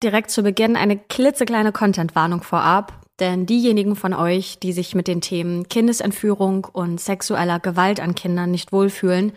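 A woman's voice: medium pitch, fairly even intonation, normal speed, hardly any pauses. Woman narrating a true crime podcast. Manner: dramatic storytelling, careful warnings. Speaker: podcast co-host.

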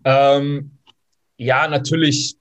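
A man's voice: medium pitch, little pitch movement, drawn-out words. A man in his forties from Swabia with Italian roots, a former professional footballer giving reflective interview answers, thoughtful and hesitant with frequent fillers. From Swabia, Germany, Italian roots.

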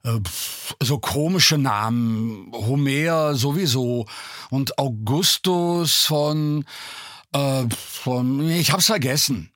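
A man voicing a stocky teenage boy who plays dumb, with a nasal, slow, vacant way of talking, in an audiobook reading. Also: medium pitch, a bit bright, dry recording, clean studio sound, voice pushed up. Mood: feigned dumb. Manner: slow, vacant, dim-witted act.

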